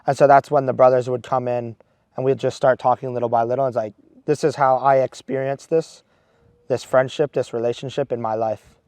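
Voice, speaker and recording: A man's voice: mid-range voice, fairly quick, no room sound. Earnest young man in a dry room. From Maryland. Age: 20s. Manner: earnest, animated, with many restarts. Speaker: seminarian. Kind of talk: casual storytelling.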